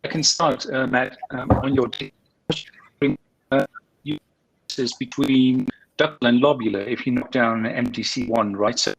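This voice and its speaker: A man's voice: medium pitch, fairly even intonation, creaky, rough recording. Man on glitchy, cutting-out call audio. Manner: halting, hesitant questioning. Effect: glitchy audio that keeps cutting out. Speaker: webinar moderator. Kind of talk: moderating a scientific Q&A. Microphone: video call.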